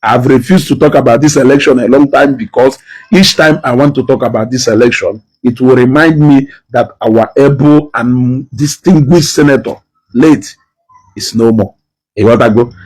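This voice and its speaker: Impassioned husky man. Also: medium pitch, normal speed, a little mellow, rough recording. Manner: impassioned, switching between English and Igbo, repeats phrases. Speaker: commentator. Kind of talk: emotional political commentary broadcast.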